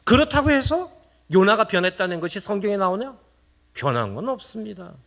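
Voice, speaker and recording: A male pastor preaching a sermon in a church, animated and firing rhetorical questions at the congregation. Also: high voice, a little fast. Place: church sanctuary.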